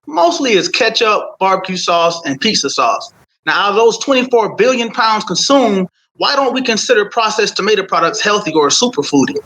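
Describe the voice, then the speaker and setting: A man delivering a rehearsed, confident startup pitch as a founder, with rhetorical questions in a salesman-like way. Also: sing-song, moderate pace, bright, forceful tone, low-quality recording.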